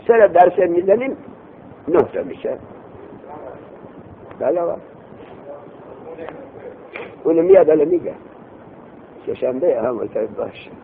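A man's voice: creaky, pauses often, crowd noise. A man teaching a classroom lesson, explaining terms over and over and quizzing his students. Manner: lively, repeats terms, asks students questions. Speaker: teacher of Arabic morphology. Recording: tinny phone-like recording with faint rumble.

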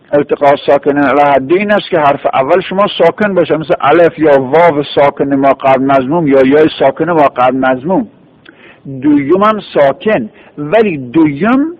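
A man giving a patient classroom grammar lesson, spelling out word forms one by one. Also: fairly high pitch. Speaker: teacher of Arabic grammar. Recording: tinny phone-like radio recording.

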